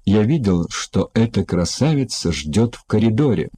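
A man's voice: lowish voice, very animated, normal speed, warm tone, a little hiss or hum. Man playing a stern commanding magistrate.

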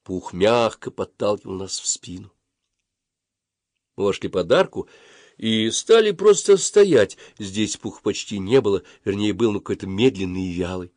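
A man reading a story aloud in an expressive, storytelling manner. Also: low voice, moderate pace, no room sound, clean studio sound. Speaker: narrator. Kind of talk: audiobook reading.

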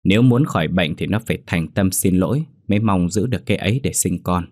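A man's voice: low-pitched, brisk, a little mellow, dry recording, clean studio sound. A man doing a reassuring village fortune-teller. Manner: reassuring, matter-of-fact. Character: soothing village fortune-teller and ritual master.

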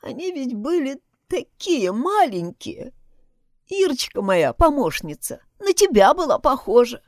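Woman putting on a shrill grieving grandmother. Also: very animated, a little slow, no room sound, studio quality. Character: grieving angry old village grandmother.

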